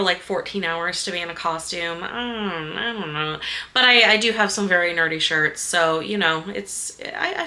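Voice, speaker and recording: A woman's voice: mid-range voice, sharp tone. A woman in her thirties chatting casually to camera about her reading, rambling and self-deprecating with lots of fillers. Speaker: book vlogger.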